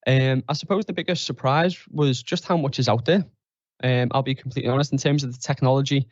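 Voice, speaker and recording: A man's voice: mid-range voice, fairly even intonation, fast talker, no room sound. Guest: young man, Liverpool accent, modest and open, dry slightly dull podcast sound. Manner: modest, candid, chatty. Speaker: guest, tech trainer. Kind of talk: casual interview answers.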